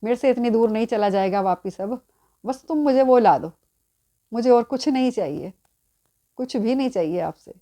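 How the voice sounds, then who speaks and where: Stubborn old devotee guy begging god for his stick, a lady doing him, warm mellow tone. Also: on the high side, moderate pace, natural voice. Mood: earnest. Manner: pleading, insistent complaint.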